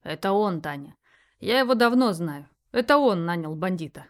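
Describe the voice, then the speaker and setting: A woman's voice: fairly low pitch, animated, moderate pace, lightly acted. A woman voicing a touchy, defensive young man with curt, sulky replies in an audiobook reading. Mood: grim.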